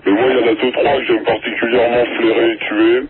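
A man's voice: mid-range voice, little pitch movement, fast talker. A man on a radio call-in, his voice disguised by a voice changer, boasting crudely and mock-menacingly. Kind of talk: prank call banter. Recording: tinny phone line over radio with loud crowd.

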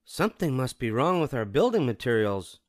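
A man voicing three timid little wolves in a storybook reading, in a higher pleading voice. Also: big pitch swings, normal speed, no echo, studio quality, close to an everyday voice. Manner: pleading, higher sing-song voice.

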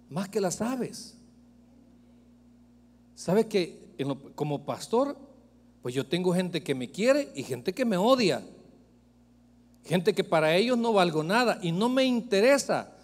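Male pastor, high-pitched, emphatic and humorous, preaching in a reverberant church hall. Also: a little mellow. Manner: emphatic, joking preaching that addresses the congregation directly. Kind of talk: sermon. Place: church sanctuary.

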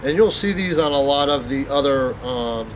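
A man's voice: medium pitch, lively intonation, normal speed, low-quality recording. Plain-spoken man with outdoor noise behind. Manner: plain-spoken, lots of ums and restarts. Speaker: company safety presenter. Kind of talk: unscripted safety talk. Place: outdoor parking lot by a construction yard. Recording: clear outdoor background noise.

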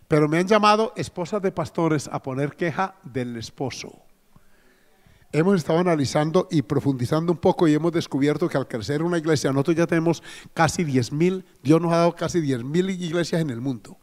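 A man's voice: fairly high pitch, brisk, a little mellow, big-room sound. A man with a Colombian accent preaching a sermon as pastor. He speaks in a folksy way, puts questions to the congregation and often says "amén" and "gloria al Señor". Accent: Colombian Spanish. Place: church hall.

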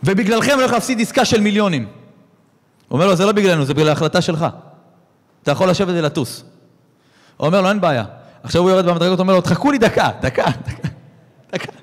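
A man, a rabbi telling a story in a sermon and acting out its dialogue with lively swings in voice. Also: sits high, pauses often. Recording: long hall reverb.

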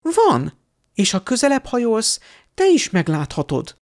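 A man's voice: high voice, wildly swooping pitch, voice pushed up, exaggerated voice. A man voicing an eager, bossy teenage schoolgirl witch who talks insistently and impatiently, raising his voice well above his own. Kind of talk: fan audiobook character voice.

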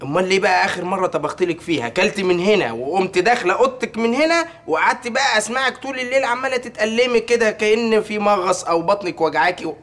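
A man's voice: high-pitched, fast, hardly any pauses, a bit bright. An actor playing a playful grown son who teases his mother while cooking, in a comedy series.

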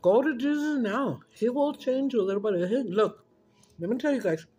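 Unhurried and fairly high-pitched with a breathy edge, this woman is a crude, brash mukbang cooking vlogger. Her casual chat over cooking and eating is loud and crude, full of free swearing and Spanish-English switching.

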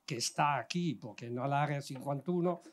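An older Italian man, an audience member at an outdoor event, asks a long, rambling question in Spanish with an Italian accent through a handheld mic. He speaks a little fast in a mid-range voice, searching for words as he goes.

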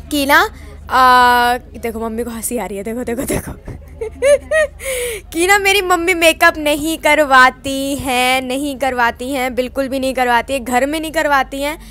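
Bright high-voiced young woman vlogger. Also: slight background noise. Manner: chatty, mixes Hindi with English words, many fillers. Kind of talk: casual voice-over narration.

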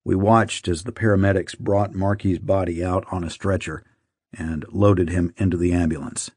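A man narrating an audiobook in a measured, somber reading. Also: low voice, fairly even intonation, darkish tone, breathy edge, dry recording, studio quality. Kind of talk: scripted narration.

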